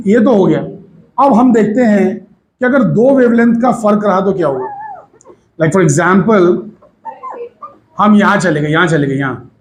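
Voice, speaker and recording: A man teaching physics to a class of students, lively and coaxing, calling them to listen and asking if they follow. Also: sits high, slight background noise. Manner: lively, coaxing, addresses students as beta, mixes English phrases.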